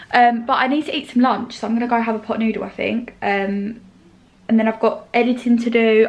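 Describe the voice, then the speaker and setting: A woman's voice: a little high, low-quality recording. Chatty young woman vlogging. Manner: chatty, rambling, with frequent fillers. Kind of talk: casual vlog chat to camera.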